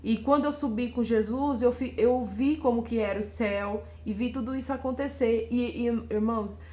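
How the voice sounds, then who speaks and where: Middle-aged mom telling a church testimony, earnest, keeps pausing to check in, voice sits a bit high. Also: female voice, warm tone, reverberant. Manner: halting, earnest, often ends with a tag question. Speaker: mother giving a testimony.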